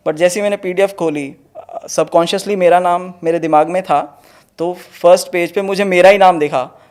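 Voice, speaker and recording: A young man in his twenties tells his story as an interview guest, with a fairly high voice for a man. He speaks earnestly and keeps addressing the host as "sir". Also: steady tone, normal speed, darkish tone, clean tone. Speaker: interview guest, exam topper. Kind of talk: conversational interview.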